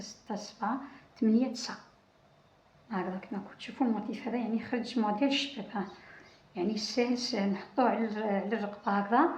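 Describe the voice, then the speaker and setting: A woman's voice: medium pitch, a little mellow. A woman with an Algerian Arabic accent hosts a casual crochet tutorial, talking through her work with frequent restarts and counting. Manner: talks while working, many restarts and counting. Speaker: crochet channel host. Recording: roomy, dull lo-fi sound.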